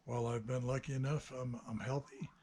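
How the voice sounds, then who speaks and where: Speaking a little fast with fairly even intonation, this man of sixty-nine has a mid-range, slightly mellow voice with a breathy edge. He's a hobbyist maker on his own channel, thinking aloud in a hesitant, rambling, unscripted vlog reflection.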